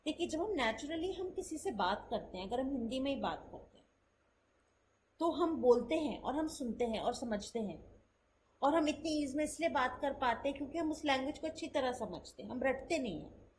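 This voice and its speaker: A woman teaching spoken English in a lesson, explaining step by step in Hindi mixed with English and saying sample sentences slowly to show the contrast. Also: high voice, expressive, slight background noise, rough recording.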